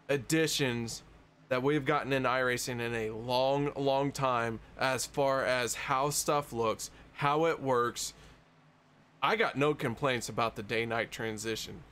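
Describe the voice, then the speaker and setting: A man's voice: medium pitch, slow pace, fairly bright tone, clear, resonant tone. A man with a Missouri accent doing race commentary with casual banter. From Missouri, USA. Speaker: sim racing commentator.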